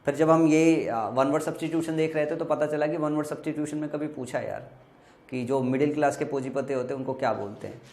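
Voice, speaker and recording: A man's voice: on the high side, darkish tone. Echoey Hindi-speaking male vocabulary teacher. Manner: explains slowly with repetition and spelled-out letters. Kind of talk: exam vocabulary lesson.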